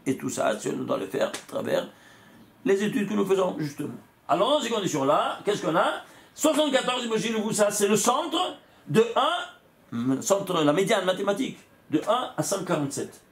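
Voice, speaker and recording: A man's voice: high voice, creaky. A man, a rabbi teaching a Kabbalah lesson, who asks and answers his own questions and repeats phrases for emphasis. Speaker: rabbi teaching a Torah class. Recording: echoey room with faint ambient noise.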